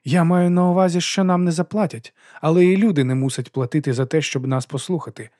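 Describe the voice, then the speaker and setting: A young guitarist lost in a trance, played by a male reader, his voice lifted higher than the reader's own. He talks slowly and steadily, dreamy yet unshakable. Dry, close audiobook sound. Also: darkish tone, dry recording, lightly acted.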